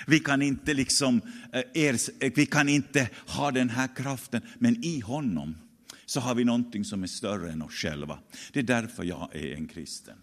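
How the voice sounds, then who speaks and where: Male pastor, conversational storytelling sermon, asks the room questions, long hall reverb. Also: lowish voice. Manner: conversational, many restarts and rhetorical questions.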